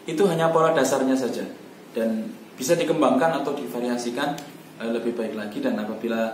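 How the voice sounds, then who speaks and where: A man's voice: medium pitch, fairly quick. Man, recitation teacher, patient explaining, echoey room, faint background noise. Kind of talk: instructional talk. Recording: roomy echo, distant mic, faint background noise.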